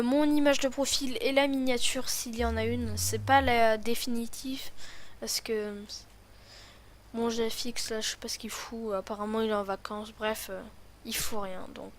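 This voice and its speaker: High-voiced woman with a lisp. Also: steady tone, unhurried, a little hiss or hum. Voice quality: lisp on s sounds. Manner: rambling, thinking aloud while playing. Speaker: gaming video host. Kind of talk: casual gameplay commentary.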